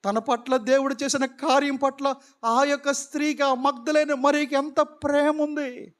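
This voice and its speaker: A man's voice: extremely high pitch, little pitch movement, moderate pace, a bit bright. A man preaching a sermon, asking the congregation questions and dropping in English phrases. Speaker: pastor.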